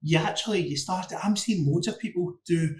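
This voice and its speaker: A man hosts a podcast in a high, lively voice, chatty and animated. His voice rings with a roomy echo. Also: fairly quick. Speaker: podcast host. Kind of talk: casual podcast conversation.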